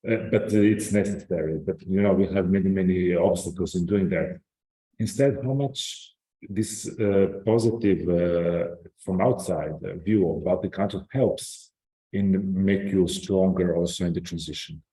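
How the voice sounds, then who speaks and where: A man from Croatia moderating a panel discussion, speaking haltingly with many fillers and restarts. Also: low voice, mellow, echoey room, rough recording.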